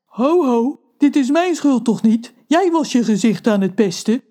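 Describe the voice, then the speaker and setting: A woman voicing a big, strong, reasonable giant man in a children's audiobook, calm and placating. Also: a little high, a little slow, pitched above the performer's own voice.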